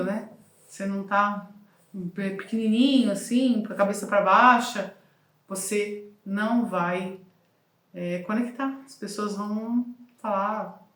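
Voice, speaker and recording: A woman giving casual advice as a communication and voice coach, talking with lively shifts in pace and emphasis. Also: mid-range voice, roomy sound.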